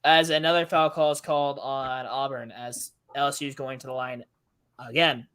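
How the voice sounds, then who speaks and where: A man from Texas co-hosting a casual sports commentary stream, excitable and playfully scolding his partner. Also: medium pitch, moderate pace, smooth. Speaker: co-host and commentator.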